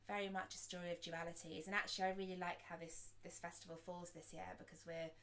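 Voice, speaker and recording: A woman guiding a group through a meditation, speaking softly and slowly with gentle pauses. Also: fairly low pitch, flat delivery. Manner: soft, slow and soothing, with gentle pauses. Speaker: sound healer and meditation guide. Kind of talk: guided meditation.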